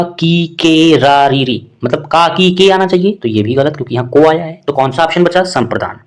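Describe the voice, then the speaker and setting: A man working through a grammar exam paper as a tutor, explaining options step by step and asking and answering his own questions. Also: fairly high pitch. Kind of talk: Hindi grammar exam solution lesson.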